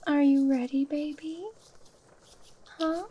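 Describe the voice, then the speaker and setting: A woman whispers close and soft in an intimate ASMR roleplay. Her voice sits high but mellow and warm, and she draws every phrase out very slowly, breathy and unhurried. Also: flat delivery, slight background noise. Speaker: audio roleplay performer.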